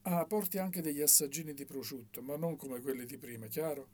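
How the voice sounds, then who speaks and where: A man reading an audiobook and voicing a pompous, sharp-tongued older bookseller with a theatrical, mocking manner and a husky voice. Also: on the high side, fairly quick, natural voice. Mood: blustering, mocking.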